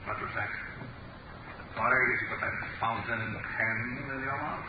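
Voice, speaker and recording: An actor playing a mocking, commanding invisible avenger in theatrical 1930s radio style. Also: male voice, mid-range voice, normal speed, highs cut off, lightly acted. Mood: stern, mocking. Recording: noisy, echoey, distant 1937 radio recording.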